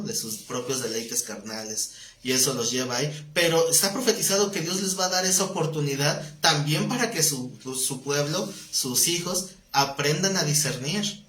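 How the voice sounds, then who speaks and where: A man's voice: a little high, bright, forceful tone. A man teaching a live Bible class, talking conversationally, quizzing his students and joking with them. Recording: echoey room, faint noise.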